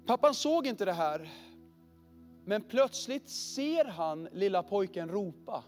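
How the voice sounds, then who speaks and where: A man with a notably high voice preaches an earnest storytelling sermon. He often sinks into a hushed, heavy tone as he speaks. Faint music plays softly under his words. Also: animated.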